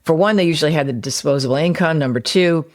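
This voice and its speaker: A woman with a deep voice talks quickly on her solo podcast, making marketing ideas relatable with everyday examples. She's a copywriter who formerly worked as a personal trainer.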